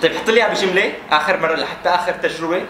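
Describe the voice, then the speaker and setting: A man's voice: high-pitched, rapid-fire, noisy background. A man with a Syrian Arabic accent chatting casually and guessing aloud in a challenge. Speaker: contestant in a dialect challenge. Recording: echoey room, music behind.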